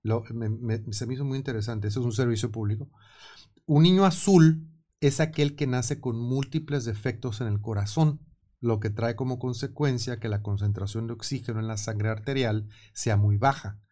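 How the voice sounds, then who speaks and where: A man with a Mexican Spanish accent hosting a casual radio studio chat, talking in quick, animated bursts. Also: mid-range voice. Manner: animated, quick, laughing often. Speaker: radio show host.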